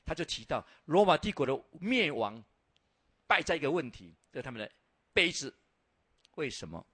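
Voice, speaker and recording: A man lecturing over slides about Bible lands, telling lively stories, asking rhetorical questions, and often filling pauses with "ah". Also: fairly high pitch, breathy edge, dry recording. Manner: frequent filler "ah".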